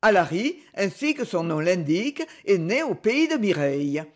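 A reader voicing a proud young English duke, speaking in measured, haughty sentences. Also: mid-range voice, sing-song, natural voice. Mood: courteous.

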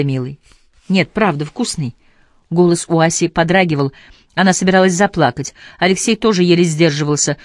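A woman's voice: sits low, dry recording, clean studio sound. Woman narrating a literary audiobook.

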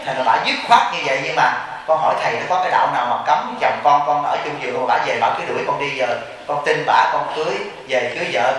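A man's voice: mid-range voice, fairly bright tone. A Buddhist monk with a Southern Vietnamese accent giving a storytelling Dharma talk, acting out both sides of the dialogues he recounts. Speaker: Buddhist monk and temple abbot. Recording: very echoey hall, distant mic, faint noise.

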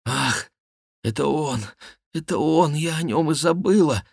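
A man's voice: mid-range voice, unhurried, breathy edge, no echo, clean studio sound. A man doing a dreamy young noblewoman. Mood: tender. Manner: soft, wistful, lightly raised voice. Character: tender young noblewoman in love, gentle and dreamy.

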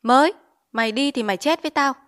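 A woman voicing a quarrelsome older village notable, a man, shouting indignantly in a storybook reading. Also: fairly high pitch, moderate pace, natural voice.

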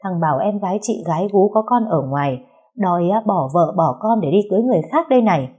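A woman voicing a shrill, outraged older mother-in-law who wails and shouts for the neighbors. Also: animated, fast talker, slightly rough. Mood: indignant.

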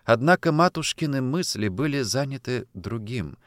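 In a dry, clean studio recording, a man with a medium-pitched voice narrates an audiobook. His scripted storytelling is measured and even.

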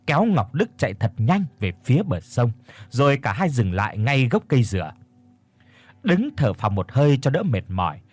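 A man narrating a ghost story in a suspenseful, expressive way. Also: mid-range voice, dry recording.

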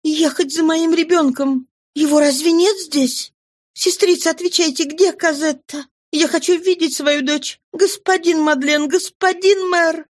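A woman's voice: extremely high pitch, steady tone, unhurried, no room sound, clean studio sound, pitched above the performer's own voice. A woman voicing a dying young mother who pleads desperately for her child, in a storybook reading. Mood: frantic, pleading.

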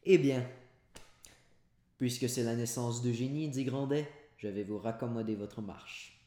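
A man doing a gruff old miser barking. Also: mid-range voice, steady tone, moderate pace, warm tone, close to an everyday voice. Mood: gruff teasing. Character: old miserly male master of the house, gruff. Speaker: former cooper. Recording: roomy echoey home recording.

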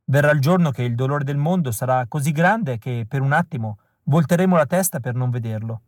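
A wistful, resolute rebel woman speaks softly and earnestly, her tone lifted a little above an ordinary man's speech, as a male audiobook reader puts her on. She sounds tender. The recording is dry and close, with no room around it. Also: mid-range voice, fairly quick, no echo, natural voice. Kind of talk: audiobook reading.

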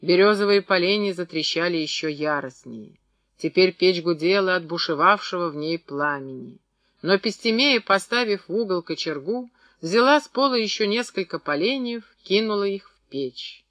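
Male audiobook reader, high and bright, dry close sound, measured literary reading. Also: lively intonation, no echo. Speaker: audiobook narrator. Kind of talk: scripted narration.

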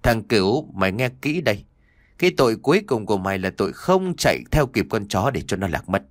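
A man's voice: fairly low pitch, big pitch swings, fairly quick, dry recording, clean studio sound. A man voicing a cruel, vindictive older landlord in an audio story, menacing and sneering. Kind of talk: audiobook character voice.

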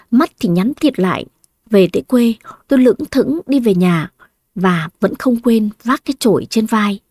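A woman narrating a story in the first person, in an even, plain storytelling manner. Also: mid-range voice, husky, no echo, studio quality.

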